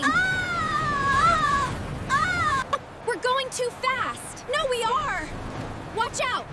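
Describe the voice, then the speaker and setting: A woman voicing an excitable little winged cartoon critter, squealing exclamations and reading sound effects aloud. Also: full character voice. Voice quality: squeaky, shrill. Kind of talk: cartoon dialogue. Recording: loud background noise.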